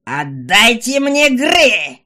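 Storybook goblin mom, huge and hot-tempered, read by a woman, loud and slow, barking demands. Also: lowish voice, animated. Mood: demanding. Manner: yelling, drawn-out demands. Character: fat furious female goblin mother. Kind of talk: audiobook character voice.

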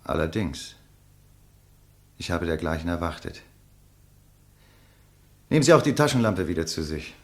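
In the style of a 1950s German radio drama, measured and eloquent, a man with a low voice portrays a condemned writer who is composed and bitterly ironic. His delivery is sing-song and exaggerated, yet the mood remains dry and composed.

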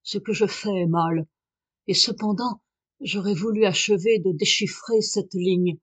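A woman's voice: mid-range voice, unhurried, slightly rough, no room sound. A woman voicing an aristocratic male scholar, speaking with urgent, exalted passion. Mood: courteous, subdued.

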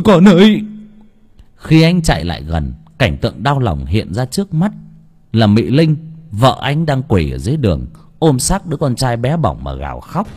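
A man's voice: fairly low pitch, mellow, breathy edge. A man narrating a dramatic story as an audiobook reader, with emotive delivery.

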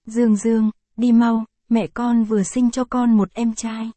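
A woman voicing a cheerful young father who speaks gently to his son. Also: fairly high pitch, flat delivery, a little slow, no room sound.

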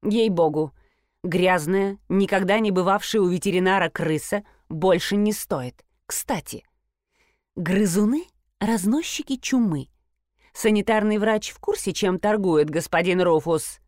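A woman narrates an audiobook in the first person, slipping in wry, ironic asides. Her voice sits at a middle pitch and sounds dry and close. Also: a little slow, darkish tone, no echo.

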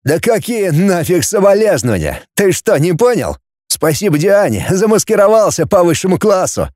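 A bantering young man cracks jokes in a lively, pitch-swinging voice, voiced by a male narrator. The tone is warm-dark and dry in this storybook reading. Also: moderate pace, no room sound. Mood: teasing. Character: joking, teasing young man.

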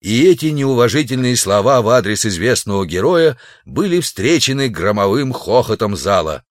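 A man narrating a humorous science fiction audiobook in an expressive, ironic style. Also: mid-range voice, moderate pace, dry recording, studio quality. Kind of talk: scripted narration.

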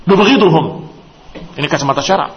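A man preaching a religious lecture, emphatic and rising to forceful exclamations, tagging his points with short interjections. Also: a little high, fairly quick. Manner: peppers speech with short "ya" and "hei" tags. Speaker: Islamic preacher. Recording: dull lo-fi lecture recording with faint noise.

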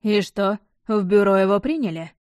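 A woman's voice: medium pitch, normal speed, a little mellow, dry recording, studio quality, natural voice. A woman reading an audiobook voices a stern, suspicious nobleman who questions his servants in terse, commanding lines.

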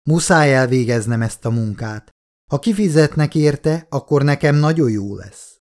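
A man's voice: medium pitch, animated, a little mellow, voice pushed up, lightly acted. A male audiobook reader voicing a talkative, easygoing worker chatting with his boss. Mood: chatty.

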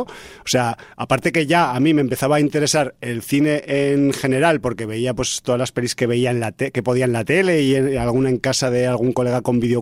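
A man, co-hosting a podcast, reminiscing in a relaxed, rambling way. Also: on the high side, dry recording, studio quality. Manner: laid-back, chuckling listener turned reminiscer. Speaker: podcast co-host. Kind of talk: casual chat.

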